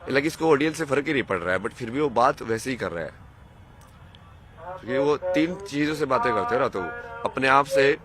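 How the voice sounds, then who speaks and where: A man's voice: medium pitch, lively intonation, a little fast. A man talking in a rambling, musing way during an interview, dropping English words into his speech. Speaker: interviewee, spiritual seeker. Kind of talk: rambling casual conversation. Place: outdoors at a crowded religious gathering. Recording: loud crowd noise behind. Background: crowd chatter.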